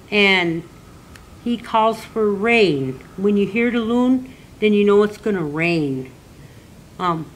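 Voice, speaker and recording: An older woman, an elder, slowly teaching children the names of animals and patiently repeating each word for learners. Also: on the low side, fairly bright tone, slight background noise. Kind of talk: slow classroom teaching.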